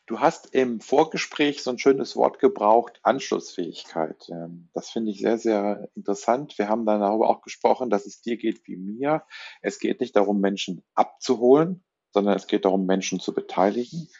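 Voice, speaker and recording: Husky low-voiced man, muffled recording. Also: moderate pace, darkish tone. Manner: affirming, asks questions and sums up. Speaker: podcast host. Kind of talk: conversational interview. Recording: dull lo-fi sound.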